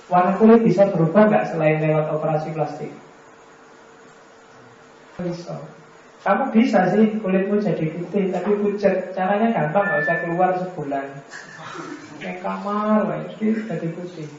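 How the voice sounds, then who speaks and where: A man's voice: high voice, normal speed, pauses often, a little mellow, slight background noise. A man giving an informal philosophy lecture, conversational and teasing, full of rhetorical questions. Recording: very echoey, dull lo-fi room recording.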